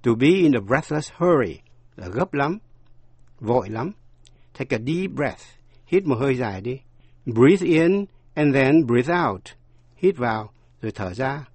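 A man teaching English pronunciation in a slow, deliberate scripted lesson, spelling out words letter by letter. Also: medium pitch, expressive, darkish tone, slightly rough, no room sound.

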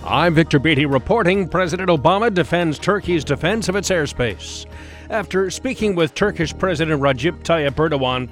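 A man reading a scripted radio news bulletin as the anchor. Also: a little high.

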